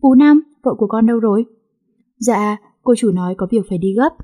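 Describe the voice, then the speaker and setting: A woman's voice: on the high side, brisk, dark tone, lightly acted. A woman voicing a cold, moody rich young husband who speaks in curt, short lines.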